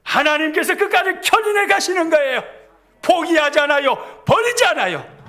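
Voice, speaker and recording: A man preaching a sermon as pastor, in call-and-response style, swinging between loud emphatic lines and soft low ones. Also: big pitch swings, normal speed. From South Korea.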